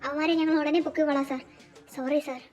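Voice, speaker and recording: A woman's voice: sits high, little pitch movement, quick pace, a little mellow, pitched above the performer's own voice, lightly acted. A woman doing a meek male police officer. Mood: reassuring. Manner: hesitant, deferential, keeps apologizing. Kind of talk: fan fiction audio drama. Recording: dull lo-fi with faint music.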